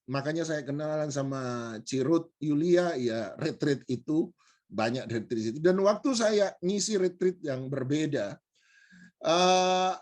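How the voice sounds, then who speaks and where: A male pastor giving a morning devotional, telling a personal story in a conversational way and addressing listeners directly. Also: a little high.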